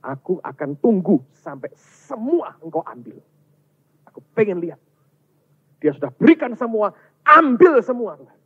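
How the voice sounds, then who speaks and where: A man's voice: high voice, sing-song, normal speed, long pauses, slightly rough, pitched above the performer's own voice, heavily acted. A man voicing Satan the taunting accuser. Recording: tinny, phone-like sound.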